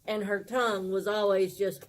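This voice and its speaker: A woman's voice: medium pitch, fairly even intonation, moderate pace. A woman co-hosting a pet vlog, cutting in with joking, wry quips. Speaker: channel co-host. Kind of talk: casual chat about pets.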